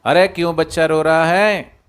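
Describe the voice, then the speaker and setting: A man voicing a clever, boastful male jackal in a spoken moral story, calling out loudly so he will be overheard. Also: medium pitch, unhurried, natural voice. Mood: loud feigned alarm. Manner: loud, confident, calling out to be overheard.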